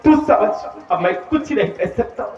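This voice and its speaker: An actor playing a scheming old father and villain on a live folk stage, scolding slowly in drawn-out declamation. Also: sits high, expressive. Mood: accusing. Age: older. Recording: distant echoey dull stage recording.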